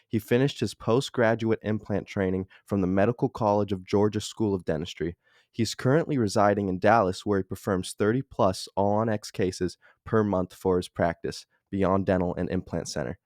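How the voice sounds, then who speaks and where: A man's voice: fairly low pitch, normal speed, darkish tone, no room sound, studio quality. A male podcast co-host delivering a scripted introduction in an upbeat, announcer-like read.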